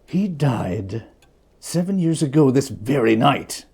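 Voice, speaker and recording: A reader puts on a bitter old man, a miser from a storybook. He is stern and scornful, grumbling his words with a widely swinging, animated pitch. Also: slow pace, slightly rough, heavily acted. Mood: cold. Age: older.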